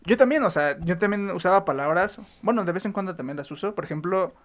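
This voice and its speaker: A man's voice: sits high, lively intonation. A man from Chihuahua, Mexico, chatting casually on a podcast and leaning heavily on filler phrases. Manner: rapid, talkative, lots of "o sea" fillers. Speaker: podcast co-host or guest. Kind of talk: casual chat.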